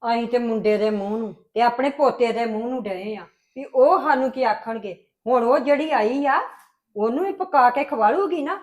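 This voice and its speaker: A sharp-tongued older grandmother in a homemade family drama, grumbling with suspicion about a newcomer, played by a woman. The voice sits high and stays in everyday talk. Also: normal speed, lightly acted. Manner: scolding, gossipy complaint. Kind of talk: amateur family web drama.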